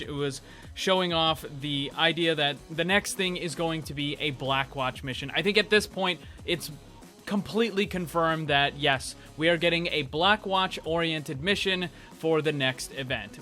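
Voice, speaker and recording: This gaming news channel host delivers upbeat, scripted narration in an emphatic, informal style aimed straight at his viewers. His voice is a little high and bright, with a forceful tone.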